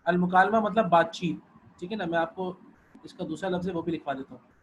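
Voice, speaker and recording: A man's voice: high-pitched, muffled recording, a little hiss or hum. A man teaching an online Arabic class, patient, often repeating and checking that students follow.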